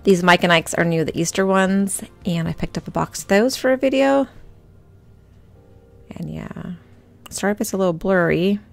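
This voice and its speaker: A woman's voice: mid-range voice, normal speed, gravelly, pauses often, faint music behind. A woman vlogger chatting casually to her viewers about her shopping finds, rambling and talking straight to them. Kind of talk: casual shop-with-me voice-over.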